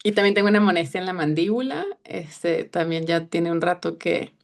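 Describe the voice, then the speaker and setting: A woman's voice: fairly low pitch, steady tone, moderate pace, gravelly. A woman in her thirties from Venezuela, introducing herself hesitantly in a group session. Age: 30s. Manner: hesitant, with fillers and soft laughs. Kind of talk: personal introduction.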